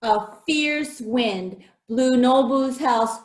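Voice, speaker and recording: With drawn-out words in a voice on the high side, a female storyteller performs a children's folktale interactively, putting questions to her listeners and prompting them to repeat along. The sound is echoey and roomy.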